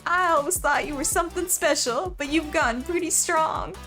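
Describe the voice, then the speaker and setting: A woman voicing a tough, proud delinquent gang-leader girl who is a bird, talking in a gruff, mentoring way. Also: sits high, normal speed, bright, forceful tone, soft background music, pitched above the performer's own voice.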